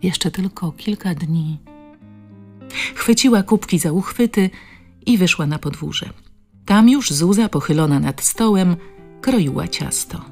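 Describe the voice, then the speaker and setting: A woman reads a novel aloud in a measured, expressive way. Her voice is low and even. Soft music sits faintly in the background. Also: gravelly. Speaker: audiobook narrator. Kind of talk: scripted narration.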